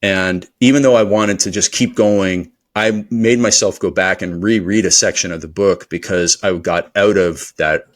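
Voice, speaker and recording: Energetic low-voiced male coaching guest. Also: moderate pace, few pauses. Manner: rambling, energetic motivational delivery with fillers. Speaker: performance coach, podcast guest. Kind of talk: podcast interview conversation.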